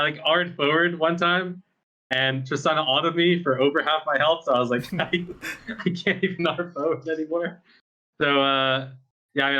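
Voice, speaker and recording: A man who plays esports professionally, talking casually in a post-match interview, full of fillers and quick laughs. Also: mid-range voice, bright, forceful tone, lo-fi sound. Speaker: pro esports player.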